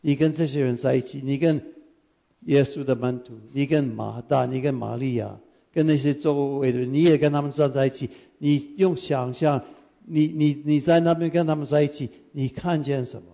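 Man, guest pastor, mellow and gravelly, unhurried, talks directly to his congregation. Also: medium pitch, steady tone. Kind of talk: prayer and sermon. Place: church.

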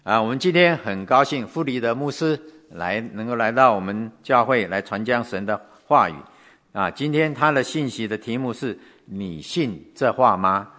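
A man's voice: mid-range voice, moderate pace, a bit bright. A man leading a church service, reading scripture aloud and shifting his voice for each quoted speaker.

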